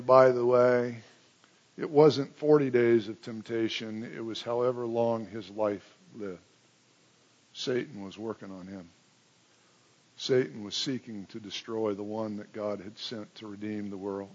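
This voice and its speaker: A man preaching a sermon, telling stories with big swings between loud excitement and hushed, low tones. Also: muffled recording. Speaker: pastor.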